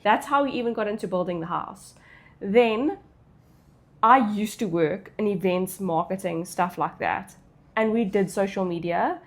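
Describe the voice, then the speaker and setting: A woman's voice: medium pitch, measured pace. A woman with a South African English accent, chatting casually as she answers questions as a content creator. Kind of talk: casual Q&A chat.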